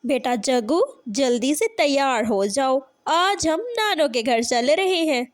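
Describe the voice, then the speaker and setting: A woman's voice: sits high, expressive, takes it slowly, dry recording, studio quality. A woman voicing a doting mother crow who spoils her son and scolds sharply in a cartoon.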